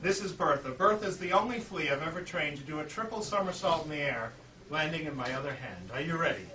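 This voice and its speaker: A man's voice: on the high side, lively intonation, fast, sharp tone. A man performing live stage comedy as a playful, grandiose flea circus showman, pattering to an audience with puns and mock announcements. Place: live indoor show before an audience. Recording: noisy, echoey room, distant mic.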